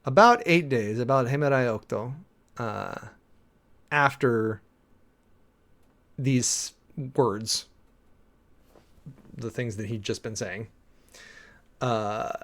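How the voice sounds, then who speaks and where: Creaky-voiced man rambling over sermon notes. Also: medium pitch, fairly bright tone. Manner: rambling, thinking aloud with many fillers and restarts; reads and parses Greek text slowly. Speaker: preacher preparing a sermon. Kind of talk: casual sermon-prep talk.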